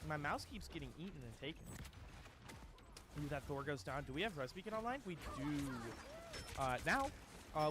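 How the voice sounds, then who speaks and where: Laid-back, slangy esports caster guy. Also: a little high. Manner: laid-back and chatty, calls people "bro" and "dude", trails off with fillers. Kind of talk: casual play-by-play game commentary.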